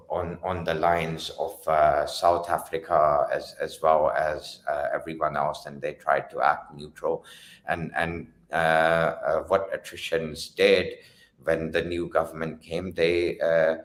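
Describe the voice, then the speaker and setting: A man hosting a casual political discussion who talks haltingly and often repeats his opening words. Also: very deep voice. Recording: roomy echo.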